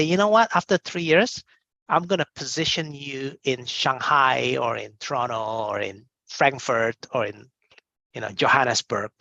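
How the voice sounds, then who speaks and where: A man's voice: fairly high pitch, creaky, a bit bright, no room sound. A man from a business school's admissions side, answering interview questions in an emphatic, conversational way and often checking in with "right?". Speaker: admissions representative.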